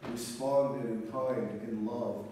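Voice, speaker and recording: A middle-aged Orthodox priest delivers a sermon from the front of a large church, solemn and deliberate with measured pauses. His mid-range voice is steady and mellow. A distant camera mic catches the church echo and some faint noise.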